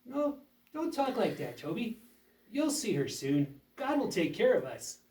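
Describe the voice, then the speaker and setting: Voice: medium pitch, very animated, unhurried, darkish tone. A performer voicing a cheerful, trusting young boy puppet who speaks reassuringly and a little hesitantly in a children's show. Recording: roomy echo, distant mic.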